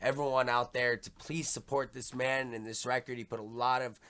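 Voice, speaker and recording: A young man with a New York accent hosting a podcast, talking fast and full of slang in a casual chat. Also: mid-range voice, little pitch movement, fairly bright tone, clear, resonant tone. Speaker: podcast host.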